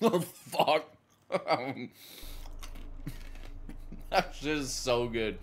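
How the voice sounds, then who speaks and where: A man's voice: mid-range voice, expressive, extremely slow, slight background noise. A man with a Minnesotan accent chatting casually and profanely while streaming a video game, often laughing and musing aloud. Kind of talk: casual live-stream chat while gaming.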